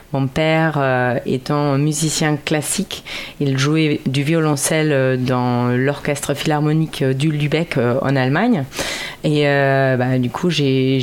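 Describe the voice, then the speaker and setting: A woman in her thirties from Germany with a slight German accent, a singer answering radio interview questions in a rambling, hesitant way with many fillers. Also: extremely low pitch. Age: 30s. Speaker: guest singer.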